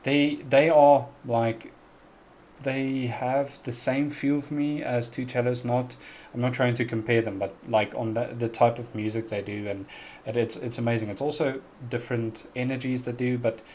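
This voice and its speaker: A South African man, a music reaction YouTuber, hosts a casual live-stream Q&A, chatty and earnest, laughing often and pronouncing his words very carefully. His mid-range voice is a little mellow and level in tone, at a moderate pace, with a slight hiss or hum in the audio.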